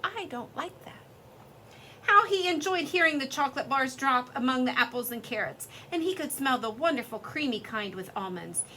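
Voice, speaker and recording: A woman reading a children's story aloud in an expressive, lively storytelling way. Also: high-pitched, a little fast, few pauses, a little hiss or hum.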